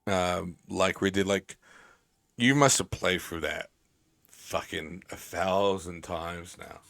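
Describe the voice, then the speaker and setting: A man's voice: sits low, steady tone, slow, gravelly, a bit bright. A man streaming a game live, chatting in a rambling, profane, self-mocking way. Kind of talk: casual live-stream commentary.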